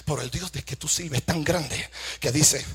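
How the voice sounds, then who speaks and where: A man's voice: a little high, normal speed, a bit bright, husky, long reverb tail. A man preaching a fervent sermon, asking rhetorical questions, calling for amens and mixing English phrases into his Spanish.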